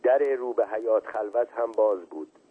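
A man with a husky voice reading a story aloud in a measured, even way, heard as a tinny radio reading. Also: lowish voice. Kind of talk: scripted narration of a story. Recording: tinny phone-like radio sound.

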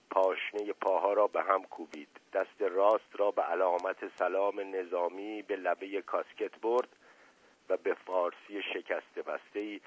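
A man with a fairly low voice reads a novel aloud. His audiobook narration is lively and dramatic. He leans into the tense moments of the story. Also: poor audio.

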